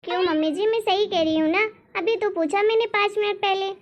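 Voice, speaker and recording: A woman's voice: very high-pitched, fairly quick. A woman voicing a meek, dutiful young daughter-in-law in a cartoon story, polite and pleading. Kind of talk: animated cartoon voice acting.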